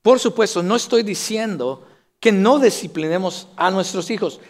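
A man's voice: sits high, moderate pace. A man preaching a sermon as pastor, earnestly addressing his congregation directly.

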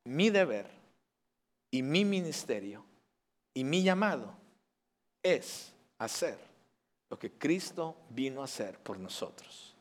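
A man from Mexico with a Mexican Spanish accent, a pastor preaching a sermon, swinging between loud emphatic lines and soft, intimate asides. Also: mid-range voice, big pitch swings, slow, long pauses.

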